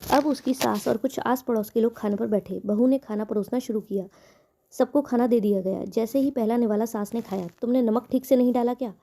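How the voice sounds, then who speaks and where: Woman telling a family story, kinda high voice, scolding tone when the characters talk. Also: fairly quick, creaky, mellow. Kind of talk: storytelling narration with voiced quotes.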